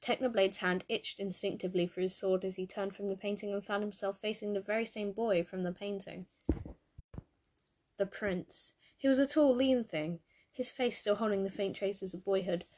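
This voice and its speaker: Woman reading a story aloud. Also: medium pitch. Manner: measured, expressive storytelling. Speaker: narrator. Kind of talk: fan fiction reading.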